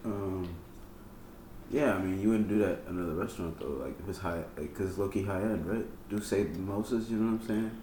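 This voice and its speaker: A man's voice: low voice, brisk, warm tone. A young man in laid-back casual chat as a podcast co-host, slangy and saying bro a lot. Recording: roomy echo, faint background noise.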